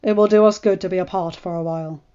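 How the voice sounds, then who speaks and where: A woman performs the part of a stern, furious middle-aged lord, delivering cold, clipped lines that build into shouts. Her smooth, natural voice is fairly low and steady, and she speaks quickly. The lo-fi recording is dull, with faint music underneath.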